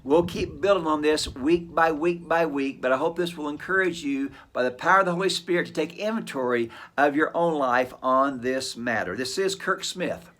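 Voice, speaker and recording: A man's voice: on the high side, moderate pace, hardly any pauses, fairly bright tone, slight background noise. A middle-aged man hosting a short devotional segment for homeschool families, speaking in an earnest, plainspoken way and telling personal stories. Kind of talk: conversational devotional talk.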